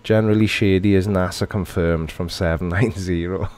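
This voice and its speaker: With a deep, steady, slightly mellow voice at a moderate pace, a middle-aged man from Wales hosts a livestream in his Welsh accent. He chats casually and reads out viewer comments, with slight background noise present.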